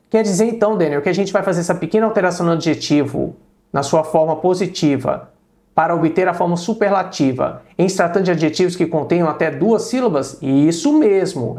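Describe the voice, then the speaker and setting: A man with a Brazilian Portuguese accent gives a patient English grammar lesson. He repeats points, asks rhetorical questions and slowly sounds out the English examples. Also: sits high, darkish tone. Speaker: English teacher.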